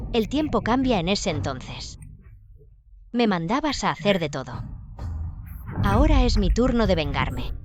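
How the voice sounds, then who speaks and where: An actress dubbing a proud, wounded young woman in a melodrama. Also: medium pitch. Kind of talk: dubbed melodrama acting.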